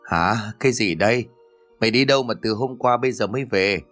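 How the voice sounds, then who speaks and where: A man voicing a sharp-tongued middle-aged mother in a horror audio story, quick and nagging as she scolds her son. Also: medium pitch, faint music behind, lightly acted. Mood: scolding.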